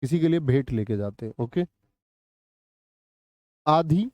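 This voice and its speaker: A man's voice: medium pitch, animated, a little slow, dark tone, no echo, lo-fi sound. A man teaching a live online Hindi exam-prep class, quizzing students with repeated questions and answering chat messages.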